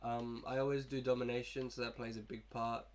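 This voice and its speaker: A sick young man, coughing, talks through his game team in a laid-back, rambling gaming video. He has a mid-range, flat voice and talks a little fast.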